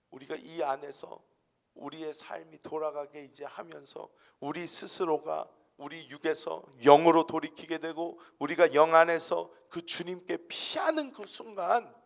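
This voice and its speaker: Korean pastor swinging between whisper and shout. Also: male voice, fairly high pitch, vocal fry. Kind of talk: Friday night sermon. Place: church.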